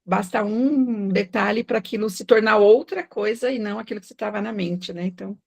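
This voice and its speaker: A woman's voice: medium pitch, brisk, creaky, a little mellow. A woman in a book club video call, telling a story from work in a reflective way, often adding "né?". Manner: reflective storytelling with many "né?" tags. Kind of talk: casual group video call chat.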